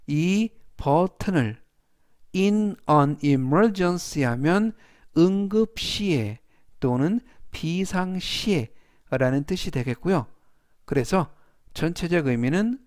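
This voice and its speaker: A man leads a vocabulary lesson, stretching each English word out slowly and clearly so learners can repeat it. His voice sits a little high, and his delivery is very deliberate. The recording is dry and close, with no room sound. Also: darkish tone, no room sound. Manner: drawls English words slowly and clearly for repetition. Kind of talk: slow scripted vocabulary lesson.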